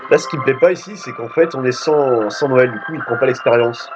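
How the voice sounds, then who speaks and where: A man's voice: mid-range voice, a little fast. A man hosting a let's play, chatting casually and rambling as he plays, with frequent casual swearing. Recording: dull lo-fi audio with game music. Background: game music.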